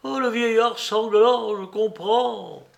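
A distraught young former officer, as a man reads him cries out in high, bright bursts, beside himself. It is an audiobook reading of a classic novel. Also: very animated, extremely slow, gravelly, heavily acted. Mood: anguished. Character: young man, ex-lieutenant, agitated and overwrought.

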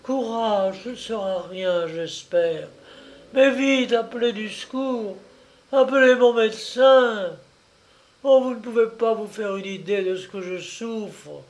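A man voicing a dying, poisoned old mother, a duchess, crying out and pleading in a high, anguished voice. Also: slow pace. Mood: desperate.

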